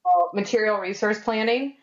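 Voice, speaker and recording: A woman's voice: medium pitch, moderate pace, a crowd in the background. A woman in her thirties, a company executive guest chatting casually over a video call. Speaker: guest, software company CEO. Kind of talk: casual chat. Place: home room with bookshelves. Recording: slightly dull, roomy video call.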